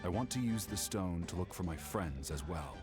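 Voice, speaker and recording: An actor playing a guarded, troubled warrior scout in a video game, reserved and serious. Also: male voice, low voice, expressive, normal speed. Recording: game music behind the voice.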